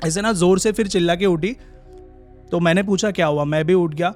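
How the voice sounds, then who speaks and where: A young man, a podcast guest, telling a personal story in a casual, halting way with many pauses and restarts. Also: high voice, darkish tone, faint music behind.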